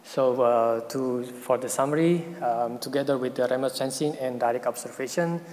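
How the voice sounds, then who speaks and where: This man speaks at medium pitch and moderate pace with a darkish tone, presenting technical research in a conference hall and fielding questions. He's hesitant, full of fillers and false starts, and the room adds reverb and a bit of noise.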